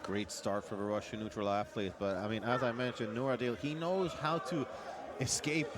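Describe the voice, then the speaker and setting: A man's voice: mid-range voice, fairly even intonation, moderate pace, heavy background noise. A man giving live fight commentary with dramatic, emphatic phrasing. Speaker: sports commentator.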